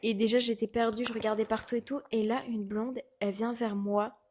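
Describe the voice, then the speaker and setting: A young woman from France in her twenties, co-hosting a casual podcast chat, telling an animated story and acting out what people said. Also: on the high side, brisk. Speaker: podcast co-host.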